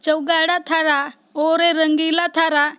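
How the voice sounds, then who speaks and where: A bashful, playful young woman, as a narrator reads her out in a storybook tale. The voice is high and close with dry sound. She speaks coyly and sweetly. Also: flat delivery, slow pace, a bit bright, dry recording, exaggerated voice. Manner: coy, bashful.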